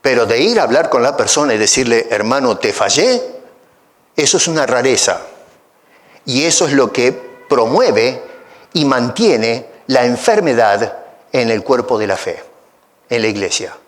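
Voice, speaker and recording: A male pastor delivering a sermon in an animated, swooping voice that climbs sharply on key words. He talks through the passage with rhetorical questions and casual asides to the congregation. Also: mid-range voice, moderate pace. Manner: emphatic rises on key phrases. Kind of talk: expository sermon.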